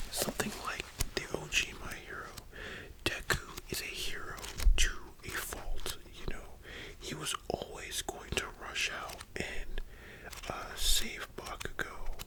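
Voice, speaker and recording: An ASMR host whispering softly in a library-style whisper, chatting informally with slangy, opinionated fan commentary. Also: poor audio. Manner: soft unvoiced whispering throughout.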